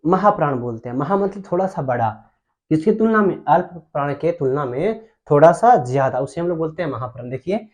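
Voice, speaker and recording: A man's voice: a little high, lively intonation, fairly quick, darkish tone. Questioning male teacher. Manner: repeats points and quizzes listeners with questions. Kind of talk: classroom-style grammar lesson.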